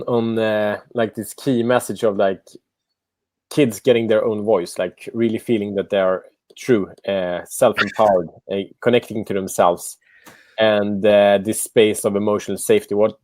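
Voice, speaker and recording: A man's voice: lowish voice, fairly even intonation, moderate pace, a little mellow, no echo. A man hosting a podcast interview, asking a long question with many fillers and restarts. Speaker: podcast host.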